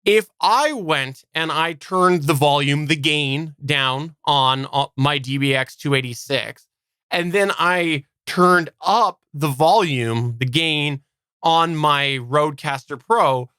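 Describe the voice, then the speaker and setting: A podcast host explains technical topics casually and slowly, often adding qualifying asides. His voice is on the high side, sharp yet smooth, captured on a close studio microphone through a preamp in a quiet, dry home studio.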